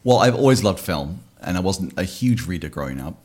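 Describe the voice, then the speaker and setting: A middle-aged man, answering interview questions as a screenwriter guest in a quick, matter-of-fact way. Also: deep voice, animated, a little mellow. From Australia and England. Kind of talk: casual interview chat.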